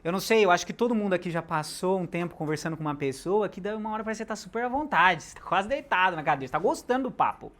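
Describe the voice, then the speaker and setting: A man giving a live sales lecture, animated, shifting loudness and pace for emphasis and throwing questions at the audience. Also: sits high, racing, few pauses. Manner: talks directly to the audience with questions.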